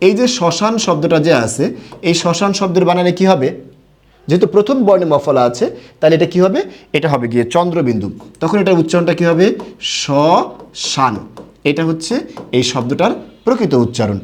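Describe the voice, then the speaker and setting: A man from Bangladesh teaching an online grammar lesson, who keeps asking quick questions and then answers them himself. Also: fairly high pitch, a little mellow.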